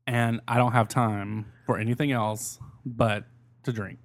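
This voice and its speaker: A man's voice: mid-range voice, flat delivery, unhurried. A man hosting a podcast in casual chat, talking in a blunt, salty, conversational way. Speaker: podcast host.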